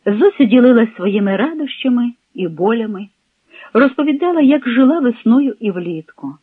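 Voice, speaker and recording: A man's voice: very high-pitched, lively intonation, moderate pace, breathy edge, dry recording. A man reading a novel aloud expressively and giving each character a voice. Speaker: narrator. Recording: tinny lo-fi radio broadcast.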